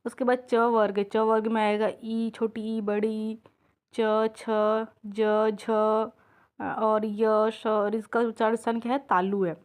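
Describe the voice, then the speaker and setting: Higher-voiced woman teaching step by step. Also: flat delivery, smooth. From India. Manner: explains step by step, often checks in with "ठीक है?"; drawn-out example sounds, each said slowly. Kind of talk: exam-prep grammar lesson.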